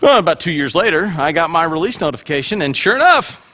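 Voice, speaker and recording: Animated pastor, high lively voice. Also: male voice, fast. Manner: animated self-mocking storytelling. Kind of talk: sermon.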